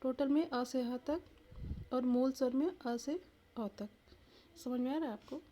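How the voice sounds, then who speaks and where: A woman's voice: high voice, unhurried, mellow, a little hiss or hum. A woman teacher giving an exam-prep lesson, asking the viewer questions and sounding out each letter aloud.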